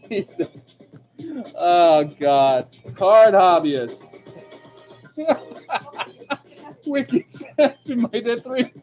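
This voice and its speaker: A man's voice: high voice, very animated, very slow, pauses often. A man hosting a livestream trivia show, chatting casually, laughing often and reading out viewers' comments. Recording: dull lo-fi stream audio with faint music.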